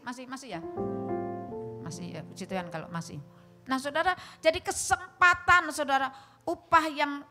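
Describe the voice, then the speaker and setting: A woman preacher tinged delivers an emotional, story-driven sermon to her congregation. Her voice sits a bit high for a woman. Instrumental music plays clearly beneath her in a livestreamed church service. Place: church hall.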